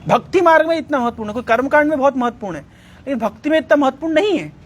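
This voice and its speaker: A man giving a devotional talk, retelling scripture as a lively story and slipping English words into his speech. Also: very high-pitched, very fast. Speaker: religious speaker.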